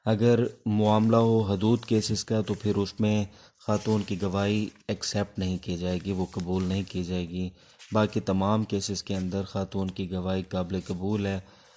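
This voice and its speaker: This informal law lecture comes from a man with a Pakistani accent who explains haltingly, uses English terms, and raises questions only to answer them. His voice sits low, dark in tone, and flat in delivery.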